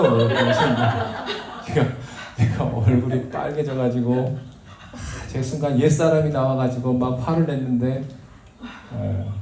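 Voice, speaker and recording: A man's voice: medium pitch, a little mellow. A man preaching a sermon as pastor, telling stories in a conversational way with self-deprecating humor. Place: church sanctuary. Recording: roomy church sound with faint background noise.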